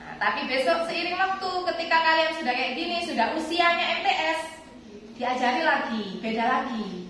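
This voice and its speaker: A woman's voice: high-pitched, animated, normal speed, fairly bright tone. A woman with an East Javanese accent giving a casual religious lesson to students, asking rhetorical questions and answering them herself. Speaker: religious teacher addressing students. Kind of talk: informal religious lesson with a personal story. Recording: echoey room picked up from a distance.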